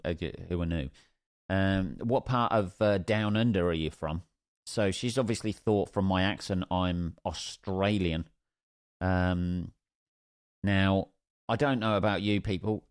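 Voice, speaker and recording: Recorded cleanly in a studio with no room sound, this low, clean-toned young man from Northampton, England, rambles through a sweary, jokey story as a stand-up comedian on his own casual podcast.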